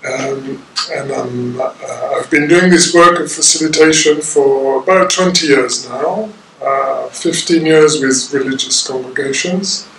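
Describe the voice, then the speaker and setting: A middle-aged French man, a facilitator, speaking haltingly with many ums in a recorded video message. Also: mid-range voice, a bit bright, a little hiss or hum. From France. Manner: hesitant, many ums and restarts. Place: sitting room with plant and map, indoors. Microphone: far camera. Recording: roomy audio from a distant camera.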